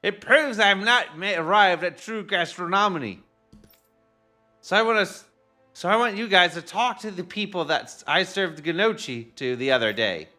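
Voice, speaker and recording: A man's voice: sits high, expressive, normal speed, sharp tone, faint music behind, pitched above the performer's own voice. A man putting on a pompous, lofty foodie chef.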